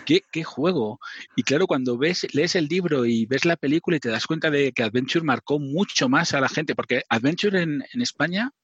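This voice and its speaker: A man's voice: on the high side, lively intonation, moderate pace, a bit bright, breathy edge, no echo. A middle-aged man, telling stories as a podcast guest in a chatty, self-mocking way. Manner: chatty, self-mocking, often laughing and restarting. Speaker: podcast guest, former magazine writer. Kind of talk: casual interview storytelling. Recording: dull lo-fi dry sound.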